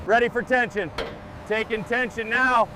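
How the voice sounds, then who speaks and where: High voiced guy directing a work crew, short commands, noisy machinery behind him. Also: steady tone, moderate pace. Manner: short, instructing phrases. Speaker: industrial crew supervisor. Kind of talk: work-site radio-style callouts.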